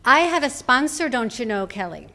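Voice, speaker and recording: A woman's voice: fairly high pitch, sing-song, normal speed, sharp tone, pitched above the performer's own voice, heavily acted. A woman putting on a proud, boastful old grandmother. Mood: proudly boastful.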